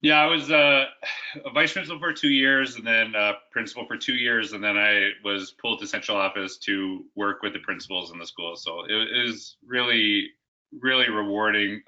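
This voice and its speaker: A man's voice: fairly low pitch, sharp tone, dull audio. A man who is a guest educator, telling stories in a conversational interview, often restarting his sentences.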